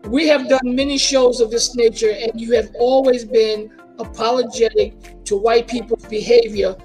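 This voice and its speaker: A man with a very high voice moderates a heated sports panel debate. He challenges the others with sharp, probing questions, with faint music underneath. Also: fairly even intonation, moderate pace.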